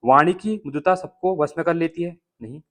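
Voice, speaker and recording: A man's voice: a little high, moderate pace, fairly bright tone. A man teaching as an exam coach, walking through test questions one by one and checking often that listeners follow, with an Uttarakhand Hindi accent. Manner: explains answers step by step, repeating checks with listeners.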